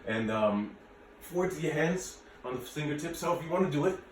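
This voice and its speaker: A martial arts and fitness instructor in his late thirties sounds on the high side, with lively intonation and a brisk pace, as he gives easygoing workout directions to camera. His voice carries echo from the room and a distant mic, plus faint noise.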